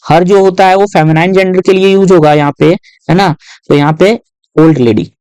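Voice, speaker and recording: A man tutoring students through exam questions in a patient, step-by-step way, often adding short tag questions and reading English lines aloud slowly. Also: high-pitched, darkish tone, clean tone, no room sound, low-quality recording. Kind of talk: exam-prep lesson walkthrough.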